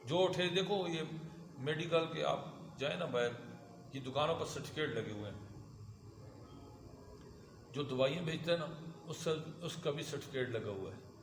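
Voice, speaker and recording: A man teaching a religion class as a lively lecture, asking his students questions and having them repeat after him. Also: fairly high pitch, long pauses. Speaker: Islamic teacher. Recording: echoey hall with background noise.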